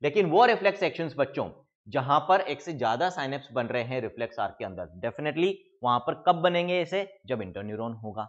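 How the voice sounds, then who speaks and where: A man's voice: medium pitch, expressive, fairly quick, hardly any pauses, highs cut off. A man with an Indian accent giving an exam-prep biology lecture. He explains each step, puts questions to the class and answers them himself, and mixes English terms into his talk. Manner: mixes English terms into Hindi speech, calls students kids. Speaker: biology teacher.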